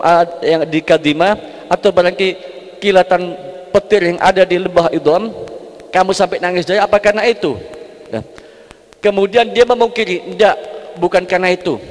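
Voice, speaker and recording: A man's voice: high-pitched, fairly even intonation, a little fast, long pauses. A man preaching a sermon that explains devotional poetry, repeating phrases for emphasis and breaking into chanted Arabic verses. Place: large mosque hall. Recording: echoing mosque hall.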